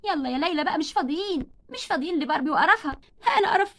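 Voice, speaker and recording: A woman's voice: high voice, lively intonation, rapid-fire, a bit bright. A woman with an Egyptian accent voicing snooty schoolgirls who sneer at a classmate in a doll play story. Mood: mocking. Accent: Egyptian Arabic. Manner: sneering, scornful. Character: mean mocking schoolgirls, snooty and catty.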